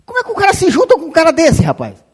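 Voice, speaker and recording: A pastor preaching a fiery sermon, shouting and scolding the congregation, often calling them "rapaz". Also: male voice, very high voice, huge pitch swings, rapid-fire. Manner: quotes scripture aloud.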